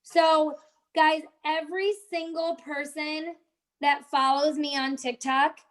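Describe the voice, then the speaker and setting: A woman's voice: high voice, little pitch movement, slow pace. A young woman hosting a casual live-stream tutorial, chatting with viewers in the chat as she walks them through social media tips.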